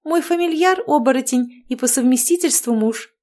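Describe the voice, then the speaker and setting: A bubbly, steamrolling witch mother-in-law from an audiobook fantasy romance, put on by a woman reading it. She chatters high and bright, effusive and never pausing for others to answer. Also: lightly acted. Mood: gushing. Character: gushing, overbearing middle-aged witch mother-in-law.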